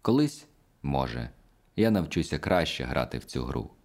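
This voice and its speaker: Very deep-voiced male audiobook narrator. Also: very animated, a little mellow. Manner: measured, reflective reading.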